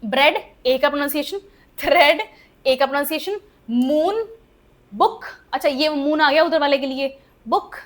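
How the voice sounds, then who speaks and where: A woman's voice: high voice, moderate pace. A woman, teaching spelling rules in a chatty classroom lesson and often checking whether the class follows. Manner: lively, chatty, asks the class questions and laughs at the oddities. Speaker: English teacher.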